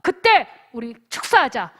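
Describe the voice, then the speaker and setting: A woman's voice: high-pitched, measured pace. A woman pastor preaching a youth retreat sermon, telling stories, acting out what people said and calling out for amens. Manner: animated, calls for amens; storytelling, acts out dialogue.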